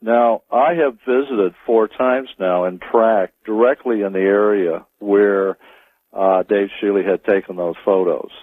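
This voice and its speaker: Halting, low-voiced man on a phone line. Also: steady tone, dry recording. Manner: halting, deliberate, circles back on words. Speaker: interview guest, Bigfoot tracker. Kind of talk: live radio interview answers. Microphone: telephone. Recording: dry, narrow phone-line sound.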